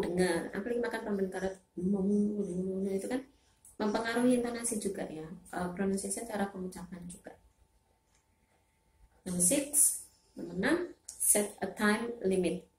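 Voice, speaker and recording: A woman's voice: mid-range voice, darkish tone. Echoey teacher woman, bilingual lesson. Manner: explains in Indonesian, repeats English phrases. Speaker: English teacher.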